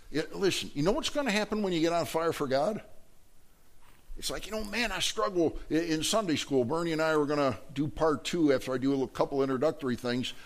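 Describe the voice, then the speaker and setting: A man with a higher speaking voice delivers a sermon. He talks conversationally, questions the congregation and jumps into loud, shouting bursts before he drops back to a quiet, prayerful tone. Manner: animated, bursts into loud shouts acting out a sports fan; asks the congregation questions, then ends in prayer. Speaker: preacher.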